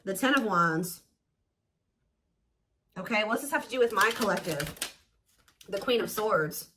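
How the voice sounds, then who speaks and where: A medium-pitched, animated female voice comes through a little slowly over background noise. The speaker, a tarot reader and host, offers viewers a relaxed, intuitive reading, talking with emphasis and repeating herself to drive points home.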